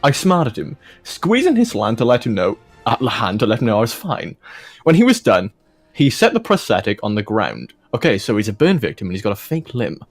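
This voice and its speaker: A man's voice: mid-range voice, wildly swooping pitch, fairly quick, soft background music. A man doing a jokey read-aloud of fan fiction, dropping in casual asides as he goes. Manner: breaks into laughter and commentary while reading. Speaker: host of a fan fiction reading video.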